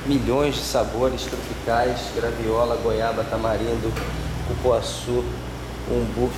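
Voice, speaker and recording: A man casually narrating a travel vlog, relaxed, listing things as he goes. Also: medium pitch, takes it slowly. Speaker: touring musician vlogging. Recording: loud outdoor street noise.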